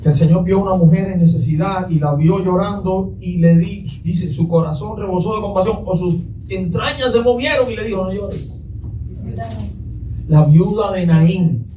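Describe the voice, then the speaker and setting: Male pastor preaching, questioning his congregation; higher voice, reverberant room. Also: moderate pace, mellow, recorded from a distance, slight background noise. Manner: asks the congregation questions and answers them. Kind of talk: Sunday sermon. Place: church sanctuary.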